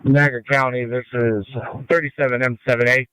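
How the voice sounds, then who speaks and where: A man's voice: mid-range voice, level tone, a little fast, a bit bright, smooth, dry recording, low-quality recording. A man speaking in terse, procedural firefighter radio talk over a two-way radio. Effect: two-way radio transmission. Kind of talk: clipped emergency radio traffic. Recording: emergency scanner radio stream.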